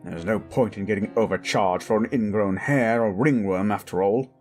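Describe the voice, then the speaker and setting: Male narrator as fussy businessman, self-important, dismissive, formal, low voice, horror storybook, faint music. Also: a little mellow, natural voice. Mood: brisk, dismissive. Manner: formal, brisk, pompous. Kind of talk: acted dialogue in horror storytelling.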